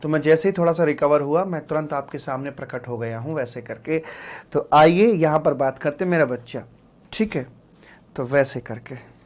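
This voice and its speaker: Male exam tutor, slightly high pitch, cold-roughened voice; chatty, teasing, fond live-lecture delivery with filler words. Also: a little mellow. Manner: chatty, teasing, fond, calls students "my child"; repeats key words, uses many fillers. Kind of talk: live online revision lecture.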